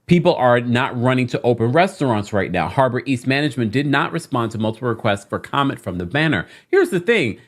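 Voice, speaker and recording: A woman's voice: rumbling low, very animated, brisk, few pauses. A woman from London reading a news article aloud on a podcast, breaking off with indignant asides. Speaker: podcast co-host.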